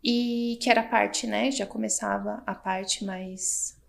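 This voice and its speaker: A woman from Brazil, a guest doctor recounting her past in a casual interview, animated and acting out what people said, with frequent tag questions. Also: medium pitch, takes it slowly, gravelly.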